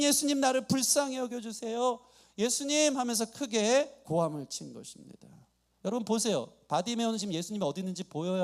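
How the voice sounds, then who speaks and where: A male pastor delivering a dramatic, emphatic sermon in a church. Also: very high voice. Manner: dramatic, emphatic preaching with acted-out quotes. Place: church sanctuary.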